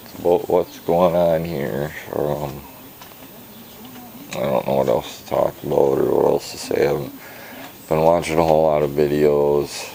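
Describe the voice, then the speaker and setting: A very deep-voiced man with a gravelly edge talks slowly, tired and worn out, mumbling as he rambles through a casual vlog. His words trail off often, and faint noise sits behind him. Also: level tone, mellow, poor audio. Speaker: vlogger. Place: outdoors at a garage.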